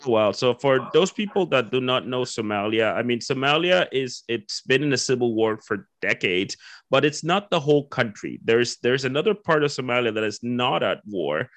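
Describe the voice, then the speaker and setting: A man's voice: medium pitch, expressive, normal speed, a bit bright. A man hosting an interview, asking questions in a chatty, rambling way. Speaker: interview host. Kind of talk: casual interview chat.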